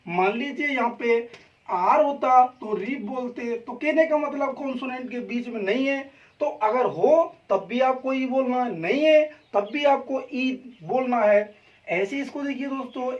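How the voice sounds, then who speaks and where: A male teacher from India giving a pronunciation lesson, who keeps asking a question, answering it himself and calling his listeners friends. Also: extremely high pitch. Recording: dull lo-fi sound from a distant mic.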